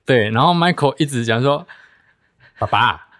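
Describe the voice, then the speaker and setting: A man co-hosting a podcast, recounting a story in a relaxed, casual way. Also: medium pitch, moderate pace, dry recording, clean studio sound. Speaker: podcast co-host. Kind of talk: casual chat.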